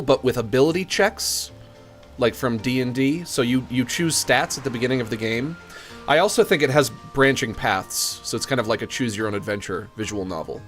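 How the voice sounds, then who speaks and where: A man chatting casually on a livestream in a rambling, joking way, with strong hissy sibilance from his studio microphone. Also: mid-range voice. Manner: rambling, joking, chuckles at own jokes. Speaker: video game streamer. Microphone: expensive large-diaphragm studio condenser microphone. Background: music.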